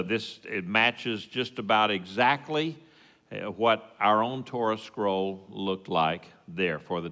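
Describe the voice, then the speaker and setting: A man speaks slowly with a West Texas twang, his voice on the low side. He teaches as in an informal sermon, folksy and halting, with plain-spoken asides. The sound rings with the long reverb of a hall. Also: bright, forceful tone. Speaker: congregation teacher giving the sermon. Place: reverberant hall at a worship service.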